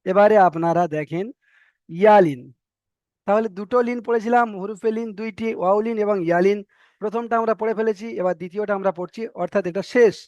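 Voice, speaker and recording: A man teaching an online reading class, sounding out letters slowly and repeating them for his students. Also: high voice, darkish tone, no echo. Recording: dry, slightly muffled online class audio.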